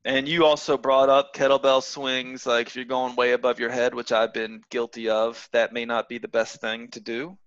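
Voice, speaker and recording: A man's voice: medium pitch, little pitch movement, moderate pace, few pauses, a bit bright, dry recording. Man on a muffled podcast mic. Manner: rambling, many fillers and restarts. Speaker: podcast co-host, acupuncturist. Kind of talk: casual podcast chat. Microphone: muffled microphone. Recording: muffled, dull dry mic.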